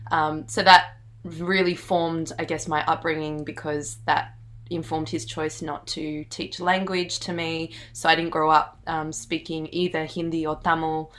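An Australian woman talking as a podcast guest, upbeat and chatty. She sits in a lower register and fills the gaps with ums. Her delivery stays lively and engaged. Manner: upbeat, animated, with fillers. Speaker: podcast guest, founding director. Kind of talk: podcast interview chat.

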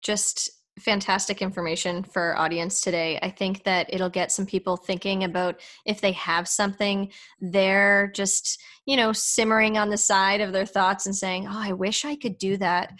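A woman's voice: mid-range voice, little pitch movement, moderate pace, hardly any pauses, fairly bright tone. Woman, podcast host, casual interview chat, encouraging, laughs a lot, mid-range voice. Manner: chatty, encouraging, laughs often.

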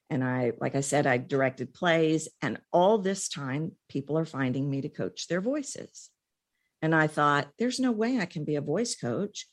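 Speaking in a low voice, a middle-aged Texan woman shares her story as a guest in an interview. She's emphatic and expressive, letting dramatic pauses land.

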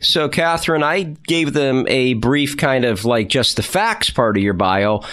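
A man hosts his business podcast with an easy, conversational manner. He cracks self-deprecating jokes and wanders into little asides. His voice sits in a mid-range pitch. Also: animated, measured pace, a bit bright. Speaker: podcast host. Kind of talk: casual podcast interview.

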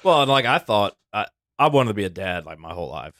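A man's voice: fairly low pitch, sing-song, fast, fairly bright tone, no echo, clean studio sound. A man co-hosting a casual podcast chat, reflective and earnest, often checking in with "right?".

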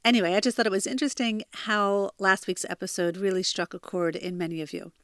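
Her medium-pitched voice is steady and a bit bright, and she talks at a quick pace on a dry, clean studio recording. She's an American woman in her forties from New Jersey, hosting a self-help podcast from her childhood bedroom in an earnest, confiding, chatty manner.

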